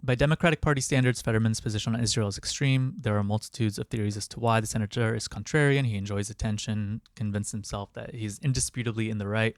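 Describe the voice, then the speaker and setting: Brief: young man, podcast co-host, halting casual delivery, lowish voice. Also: steady tone, no echo, clean studio sound. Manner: hesitant, full of "like" and restarts. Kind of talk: casual chat.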